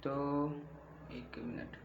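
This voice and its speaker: Teaching grammar in classroom style, this Hindi teacher goes slowly and repeats himself, often asking a question before answering it. The recording has an echoey room sound with a faint background hum.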